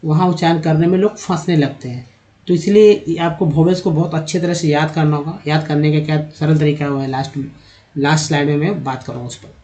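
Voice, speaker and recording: A man's voice: a little high, steady tone, quick pace, mellow. A man with a Hindi accent teaching English pronunciation from slides, patiently spelling words out letter by letter. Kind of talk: slide-based spoken lesson. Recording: dull lo-fi sound.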